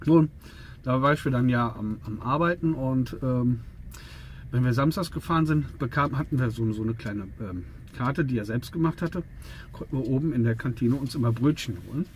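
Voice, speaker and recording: A truck driver telling stories in a casual, rambling vlog with many fillers. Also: male voice, medium pitch, moderate pace, a little hiss or hum. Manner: chatty, rambling, with frequent fillers.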